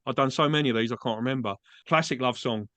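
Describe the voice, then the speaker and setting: Speaking fast in a mid-range, fairly bright voice, this podcast host from England has an Essex accent and keeps his interview chat friendly and easygoing, with frequent use of "mate." It's recorded in Australia without echo.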